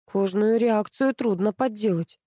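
A woman's voice: medium pitch, a little slow, dark tone, dry recording, studio quality, close to an everyday voice. A woman reading aloud, voicing a stern middle-aged school director who speaks curtly and sarcastically. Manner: curt, cold, sarcastic.

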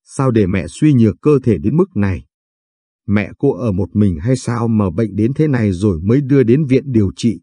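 A man's voice: lowish voice, expressive, normal speed, warm tone, slightly rough, dry recording. A man voicing a middle-aged male doctor who speaks bluntly and sternly.

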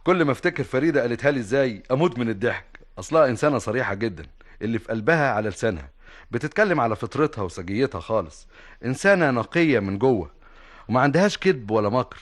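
An actor playing a bookish, talkative husband who grumbles fondly, in an Egyptian Arabic radio comedy. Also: male voice, medium pitch, lively intonation, fast talker, natural voice.

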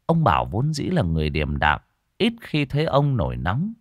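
A man's voice: on the low side, wildly swooping pitch, normal speed, no room sound, clean studio sound. A man narrating an audiobook story expressively.

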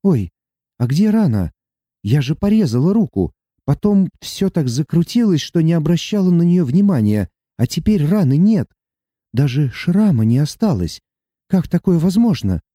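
A man's voice: a little high, expressive, normal speed, warm tone, no echo, studio quality, voice pushed up. A man voicing an emotional young heroine who speaks earnestly and tearfully, in a raised voice. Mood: bewildered. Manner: earnest, tearful, breathless pleading.

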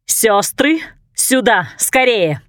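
Woman playing a scheming witch, slow, intense, incantatory, storybook. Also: a little high, very animated, fairly bright tone, no echo, clean studio sound, full character voice. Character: fierce scheming eldest witch sister.

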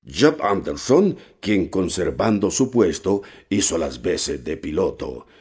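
A man reading a novel aloud as narrator, steady and measured with occasional hesitations. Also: deep voice, slightly rough. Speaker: audiobook narrator.

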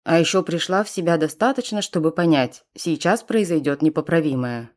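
A woman's voice: deep voice, a little fast, darkish tone. A woman narrating a first-person audiobook in a tense, dramatic reading.

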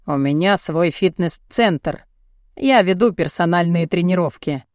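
Crude muscleman voiced by a woman, mocking, blunt, very low voice, dry recording, audiobook. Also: darkish tone, no echo, natural voice. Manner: taunting, blunt and slow. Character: crude cocky muscular young man, mocking and pushy. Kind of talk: audiobook character voice.

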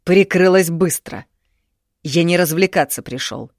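A woman reading the lines of a coarse, domineering young man in an audiobook, curt and loud. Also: lowish voice, unhurried, no echo, studio quality, natural voice. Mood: angry, contemptuous.

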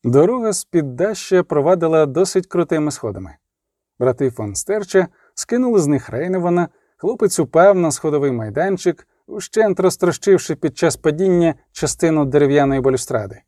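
A man narrating an audiobook in an expressive, vivid storytelling manner. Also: on the high side, fairly quick, no room sound, clean studio sound.

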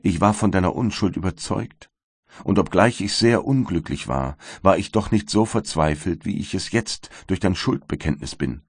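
A gentle young noblewoman in deep sorrow, read by a man. The voice stays very low, pleading softly in a dry, close recording. She belongs to a classic storybook reading. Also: normal speed, husky, dry recording. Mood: sorrowful.

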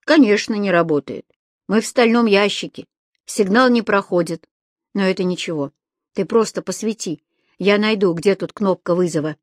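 A woman voicing a kindly old man who calmly reassures and gently lectures in an audiobook story. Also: medium pitch, moderate pace, dry recording, clean studio sound, lightly acted. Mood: reassuring. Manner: calm, soothing, a little lecturing.

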